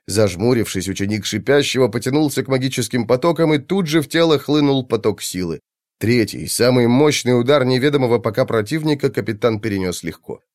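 A man reads a fantasy novel aloud in a measured, dramatic way. His voice is mid-pitched and plain. The recording is dry and close, with no room sound. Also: dry recording. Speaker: audiobook narrator. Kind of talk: scripted fantasy narration.

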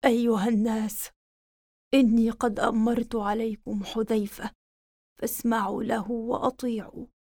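A woman's voice: a little high, normal speed, close to an everyday voice. A woman voicing a faint, dying army commander. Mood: solemn weak. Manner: faint, weak, solemn last words. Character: dying male army commander, weary and regretful.

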